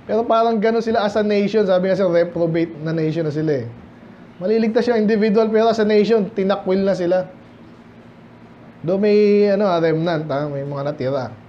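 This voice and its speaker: Filipino pastor preaching in Taglish. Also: male voice, high-pitched, warm tone, lo-fi sound, a little hiss or hum. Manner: reads King James verses slowly in English, then explains in Taglish. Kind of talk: verse-by-verse Bible study preaching. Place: church sanctuary, indoors.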